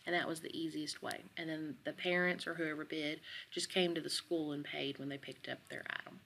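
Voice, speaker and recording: A woman educator narrating a screen-recorded software tutorial in a relaxed, conversational way with some fillers. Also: low voice, brisk, creaky, slight background noise, low-quality recording. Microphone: computer microphone, voice-over on screen capture.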